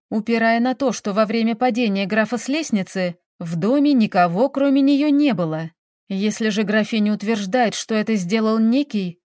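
A woman narrating a detective novel as an audiobook in an even, measured reading. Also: on the high side, dry recording, studio quality.

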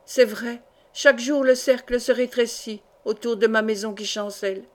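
A woman's voice: fairly high pitch, steady tone, moderate pace, close to an everyday voice. A woman reading the part of a proud, grieving old count in a solemn, grave tone.

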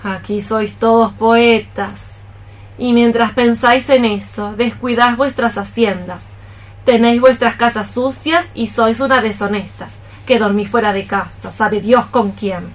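An actress with a fairly high, steady voice plays a scolding, scheming old mother cockroach in a radio play. Her delivery is exclamatory and theatrical, drawing out phrases in archaic poetic Spanish.

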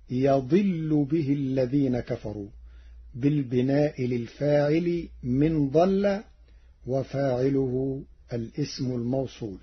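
A man from Egypt giving a formal radio lesson on Quran reading variants, measured and deliberate, chanting the verses he quotes. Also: mid-range voice, slightly rough. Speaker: Quran recitation scholar. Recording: dull lo-fi radio broadcast.

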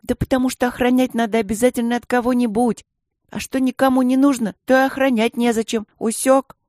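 A woman voicing a cocky, bossy schoolboy who boasts and shouts in a storybook. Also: a little high, steady tone, fairly quick, no room sound, clean studio sound, pitched above the performer's own voice, natural voice. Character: cocky loud schoolboy boss.

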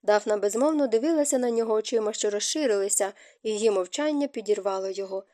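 A woman's voice: medium pitch, fast talker, mellow, no echo, studio quality. A woman reading a romance novel aloud as an audiobook narrator, telling it expressively and dramatically. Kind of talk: scripted narration.

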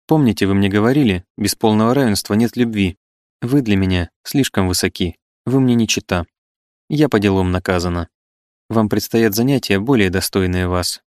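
A man's voice: lowish voice, moderate pace, a little mellow, dry recording, studio quality, lightly acted. A man voicing a proud, wounded eighteen-year-old woman who speaks with impassioned reproach. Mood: reproachful. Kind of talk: audiobook character reading.

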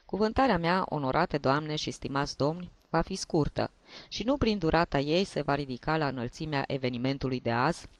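A man's voice: a little high, dry recording, close to an everyday voice. A man voicing a tipsy old male journalist with a reedy tenor voice, giving rambling, sentimental toasts. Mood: grandiloquent.

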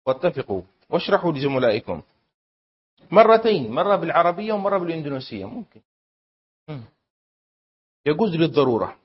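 A man teaching a class on Islamic law, quizzing students and repeating key terms slowly with emphasis. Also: on the high side, very animated, slightly rough. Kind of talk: classroom lesson with student exercise. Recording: dull lo-fi classroom recording.

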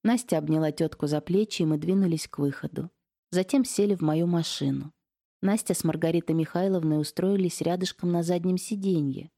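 A woman reads a detective novel aloud as an audiobook. Her voice sits low and warm. She narrates in a calm, firm and measured way.

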